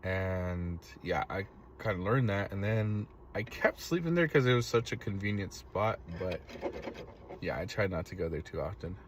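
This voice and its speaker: A man's voice: low voice, animated, moderate pace, a little hiss or hum. Laid-back man streaming from his car. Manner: laid-back storytelling, swears freely. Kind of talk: casual live-stream chat reading comments. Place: inside a parked vehicle.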